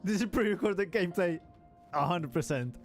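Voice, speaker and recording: A native Spanish speaker from Spain streams a game live, chatting casually with viewers, answering chat, laughing easily and using fillers like "like." His voice is high-pitched and expressive at a moderate pace, with faint music in the background.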